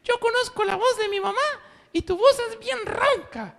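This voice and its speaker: A man voicing a bunch of cheeky little goat kids in a squeaky falsetto, recorded in an echoey church hall. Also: normal speed, gravelly, fairly bright tone, heavily acted.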